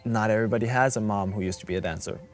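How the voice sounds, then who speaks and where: A man's voice: fairly low pitch, racing, soft background music. A man from Greenland who founded a dance school, speaking earnestly in an interview.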